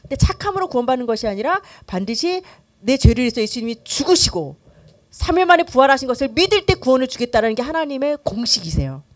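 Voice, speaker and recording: Middle-aged woman pastor, high-pitched, very expressive delivery, chatty church-class teaching that slips into acted-out voices. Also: fast. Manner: animated, acts out quoted voices, many fillers.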